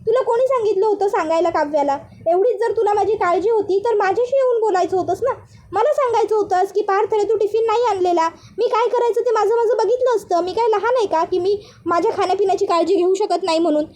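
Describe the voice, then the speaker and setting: A woman's voice: extremely high pitch, fast talker, warm tone. A woman voicing a short-tempered young male office boss in a retold serial, talking in a scolding, hot-headed way. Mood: angry.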